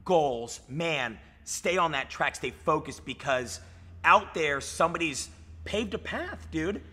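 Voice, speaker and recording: A man's voice: a little high, animated, slow pace, bright, forceful tone, husky. A man in his thirties, a fitness coach talking in a casual podcast chat, hyped and swearing, saying "dude" and "like" a lot, recorded in a gym lounge. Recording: reverberant gym room.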